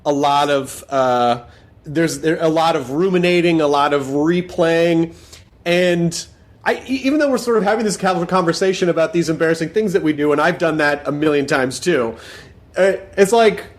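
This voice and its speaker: A man's voice: fairly high pitch, normal speed. A male podcast host in casual conversation, reflecting and asking probing questions. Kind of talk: casual interview chat.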